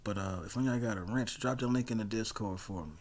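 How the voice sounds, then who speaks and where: Heavy background noise surrounds a man hosting a livestream, whose fairly low voice moves at a quick pace. He keeps things casual and conversational, throwing in slang and shout-outs.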